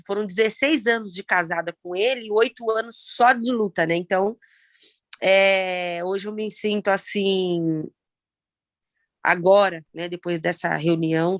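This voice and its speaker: A Brazilian woman in her thirties with a Brazilian Portuguese accent, telling her own story of loss in a halting, reflective way with many pauses and fillers. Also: mid-range voice, no room sound. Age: 30s. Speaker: guest sharing personal story. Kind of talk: emotional personal testimony.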